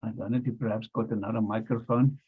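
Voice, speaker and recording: A man's voice: on the low side, steady tone, fast, slightly rough. A man moderating an online panel over a group voice chat, courteous and chatty as he introduces speakers and apologizes for technical trouble. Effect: group voice chat audio. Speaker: webinar moderator. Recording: dull lo-fi call audio.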